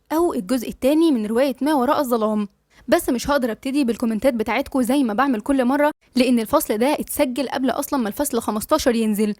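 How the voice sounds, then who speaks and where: A woman with an Egyptian accent narrating a serialized novel in a brisk, chatty way. She reads extremely fast in a fairly high voice, and the recording is dry and close with no room sound. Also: a little mellow, no echo. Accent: Egyptian Arabic.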